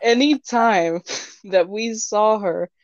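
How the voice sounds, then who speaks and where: A woman's voice: medium pitch, slow pace, dry recording. A young woman co-hosting a podcast, telling a story in a casual, giggly way with mocking quoted voices. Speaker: podcast co-host. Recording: dry, dull lo-fi sound.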